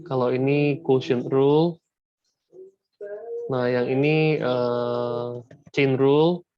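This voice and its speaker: A man's voice: medium pitch, little pitch movement, takes it slowly, crowd noise. Guy w teaching calc over a video call, casual slangy tutor, audio kinda dull n lo-fi. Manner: slangy, mixes English math terms into casual talk. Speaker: math tutor. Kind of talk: casual online lesson.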